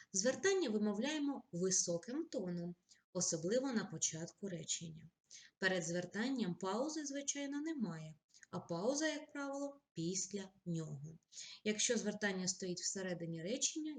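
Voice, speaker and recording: A woman teacher giving a recorded grammar lesson, explaining rules plainly and reading example lines slowly and with feeling. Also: mid-range voice, animated. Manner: direct, addresses pupils with polite requests.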